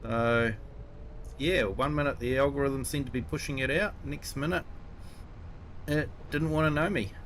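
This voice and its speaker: A man's voice: medium pitch, normal speed, pauses often, a bit bright, a little hiss or hum. A man with a New Zealand accent chatting casually with viewers while streaming a game. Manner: easygoing, chatty, answering viewers. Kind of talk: casual live-stream chat.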